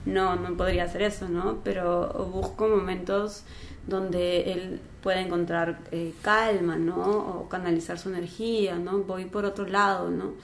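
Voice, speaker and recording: A woman's voice: on the low side, level tone, measured pace, gravelly, a little hiss or hum. A woman guest on a podcast, speaking in a reflective, conversational way and often ending her phrases with a questioning tag. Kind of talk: casual conversation.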